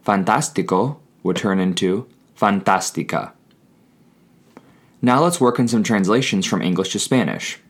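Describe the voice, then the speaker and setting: Male language-lesson narrator, lowish pitch, very slow measured delivery, alternates between English and Spanish. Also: husky. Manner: measured, with repeated phrases and prompts.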